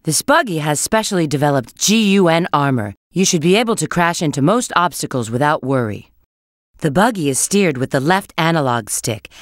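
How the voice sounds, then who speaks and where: A woman's voice: sits low, no echo, studio quality. A woman voicing a confident, sly adult female bat treasure hunter in a video game, coaching with a cool, knowing tone. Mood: instructing. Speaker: game character giving hints. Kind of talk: game voice acting.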